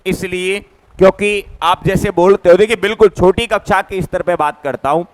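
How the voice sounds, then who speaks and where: A man teaching a grammar lesson in a classroom, his fairly high voice smooth and clear. He speaks slowly and patiently, sounding out each letter in turn and going back over his points. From Rajasthan, India. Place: classroom, writing on a board.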